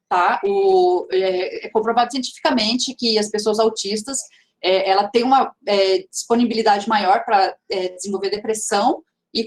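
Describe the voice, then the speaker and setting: A woman with a mixed regional Brazilian accent speaks in a chatty, conversational way over a video call, full of fillers and restarts, as she answers questions at an online seminar. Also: on the high side. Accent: mixed regional Brazilian Portuguese accent.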